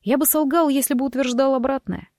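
A woman reading the part of a calm, gently mocking young husband, soft and amused. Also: sits high, fairly quick, no echo, studio quality, voice pushed up, natural voice. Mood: teasing.

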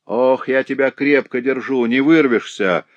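Give me a man playing a hoarse, menacing villain who speaks slowly. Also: mid-range voice, no echo, highs cut off, voice pushed up, close to an everyday voice. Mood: gloating. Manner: slow, menacing threats. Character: brutal vengeful man, menacing and cold.

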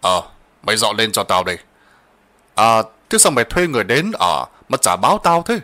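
A man voicing an old rural master who is gruff, bossy and blustering, and who stammers in fear. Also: on the low side, sing-song, moderate pace, sharp tone.

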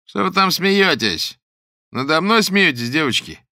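A man doing a loud, taunting unhinged stalker. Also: a little high, very animated, dry recording, clean studio sound, voice pushed up. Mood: angry. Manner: loud, drawn-out, mock-sweet taunting.

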